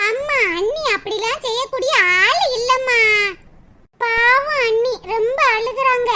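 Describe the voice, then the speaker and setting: Squeaky greedy cartoon sister-in-law. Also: a little slow, exaggerated voice. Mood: wheedling. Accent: Tirunelveli Tamil. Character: greedy young sister-in-law, always hungry. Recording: loud background noise.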